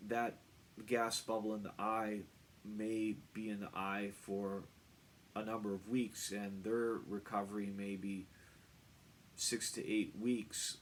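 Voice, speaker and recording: A man giving a personal vlog account as a patient, explaining plainly and matter-of-factly in short, measured phrases with pauses. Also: on the low side, slight background noise. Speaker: patient recounting own eye surgery.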